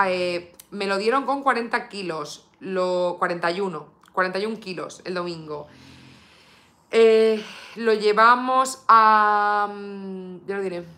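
A woman's voice: mid-range voice, bright, forceful tone. A woman from Spain chatting casually on a live stream, full of fillers and reading viewer comments aloud. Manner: coos baby talk at her dog. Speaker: beauty vlogger live streaming.

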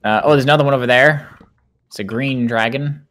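A young man hosting a casual Minecraft let's play, excitable and quick to laugh, talking in fast bursts. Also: mid-range voice. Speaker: gaming channel host.

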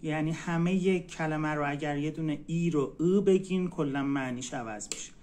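A man teaching a language in a casual live stream, patiently repeating words slowly. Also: a little high, darkish tone.

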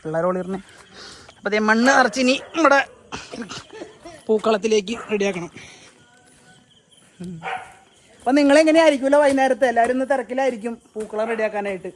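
A woman's voice: on the high side, fairly quick, long pauses, slight background noise. A woman, chatting casually in a family vlog while directing helpers outdoors. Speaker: vlogger. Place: outdoor home yard.

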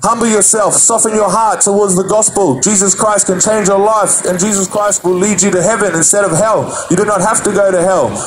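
A man preaching firmly outdoors at night into a mic through a loudspeaker, speaking in short declarative lines. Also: sits high, fairly even intonation, fairly quick, few pauses. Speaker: street preacher. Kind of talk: open-air street preaching. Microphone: handheld mic through a PA speaker. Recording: echoey amplified sound with loud music.

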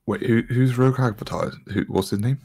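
Man, laddish banter, casual chat, raspy, dry close sound. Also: medium pitch, a little fast, darkish tone, dry recording.

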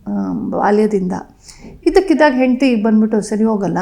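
Woman, gravelly, mid-pitched, measured storyteller with fillers. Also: expressive, mellow. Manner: measured, with frequent hesitation fillers. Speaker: podcast guest speaker. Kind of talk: explanatory storytelling in conversation.

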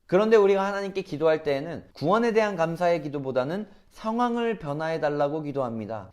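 A man's voice: on the high side, darkish tone. A man preaching as a youth pastor in an earnest sermon, often putting rhetorical questions to his listeners.

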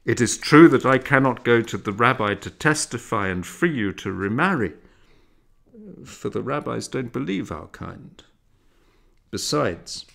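A man voicing a menacing male demon in a hollow, booming voice, slow and threatening in a read-aloud story. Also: gravelly, a bit bright.

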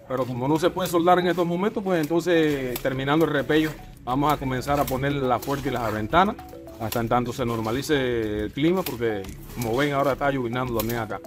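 Man from Cuba, informal walkthrough report, faint music bed behind. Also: fairly high pitch. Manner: plain, informal, halting repeats. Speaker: on-site reporter.

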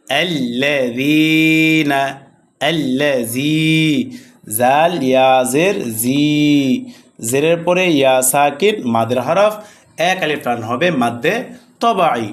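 A man teaching Quran recitation with tajweed rules, stretching out Arabic words slowly and repeating each rule in formal textbook phrasing. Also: mid-range voice. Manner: slow, drawn-out recitation of Arabic words between spoken rules. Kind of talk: slow tajweed lesson.

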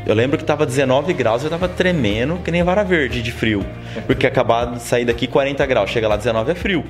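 A fast-talking man of medium pitch, in his forties and from Brazil's São Paulo interior, tells lively stories as a studio interview guest, repeatedly tossing in "sabe?". The talk is casual, the interviewer holds a handheld mic, and music plays behind.

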